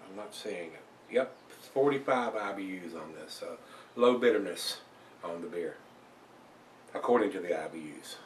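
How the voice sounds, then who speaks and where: An older man talks casually on camera as a beer reviewer, chatty and relaxed, with lots of fillers, filmed at home in a small room. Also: sits low, normal speed, slight background noise. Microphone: camera across the room. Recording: roomy and distant from the mic.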